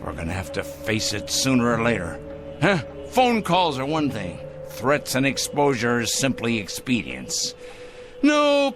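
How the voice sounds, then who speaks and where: In a radio drama, an actor gives a heavily acted performance as a fanatical, self-righteous male vigilante. He swings from hushed murmurs to shrill outbursts over a faint music score.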